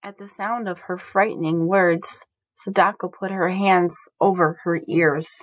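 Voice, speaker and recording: A woman reading a chapter book aloud slowly and carefully for beginning readers. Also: lowish voice, steady tone, dry recording, rough recording. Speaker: storybook reader.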